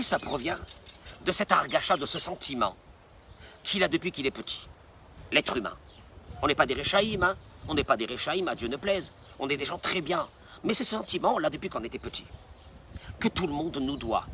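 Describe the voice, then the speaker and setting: A man's voice: on the high side, big pitch swings, normal speed, pauses often, pushed and bright, a little hiss or hum. A man, a rabbi, preaching a sermon in an emphatic way, repeating phrases for stress.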